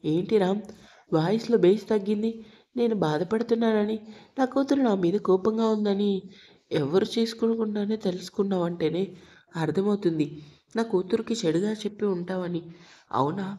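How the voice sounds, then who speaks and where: A woman's voice: mid-range voice, normal speed, dark tone, lightly acted. A woman voicing a scheming male rival who taunts a father over the phone. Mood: taunting. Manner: taunting, smug.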